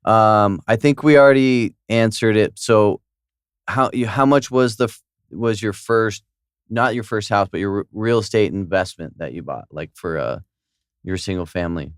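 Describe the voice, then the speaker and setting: A man's voice: lowish voice, moderate pace, clean tone, dry recording, studio quality. A man in his thirties hosting a casual conversational interview. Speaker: podcast host.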